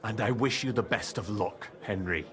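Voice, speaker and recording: An actor playing a scheming male guild leader in a medieval video game, measured and confident. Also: fairly low pitch, fairly bright tone, close to an everyday voice. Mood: calm.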